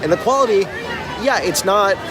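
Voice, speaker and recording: A man's voice: sits high, lively intonation, moderate pace. Wry, casual man amid crowd and music. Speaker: co-host of a food review show. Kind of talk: casual chat, opinionated food review. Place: outdoors in a busy theme park. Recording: crowded outdoor park with music. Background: music and crowd chatter.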